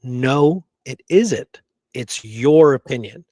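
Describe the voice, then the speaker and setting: This middle-aged American podcast co-host, who researches and writes about history, has a dark, husky, medium-pitched voice captured in echo-free studio quality. Animated but unhurried, he shares strong opinions about history in a casual, colloquial way, dropping the occasional swear word.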